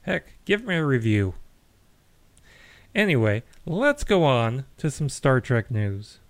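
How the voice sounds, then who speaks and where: A man's voice: mid-range voice, big pitch swings, slow. A man hosting a geeky news podcast, chatty, with wry asides and frequent fillers. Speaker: podcast host.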